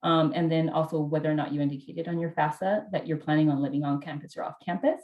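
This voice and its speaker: A woman's voice: low voice, fairly even intonation, quick pace, echoey room, highs cut off. A woman financial aid officer answering student questions on a video call, helpful and repeating the key steps.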